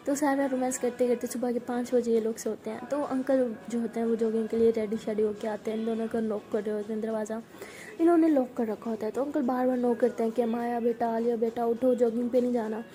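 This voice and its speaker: A woman's voice: on the high side, fairly even intonation, fast, mellow. A woman casually telling a love story, chatty and acting out the dialogue.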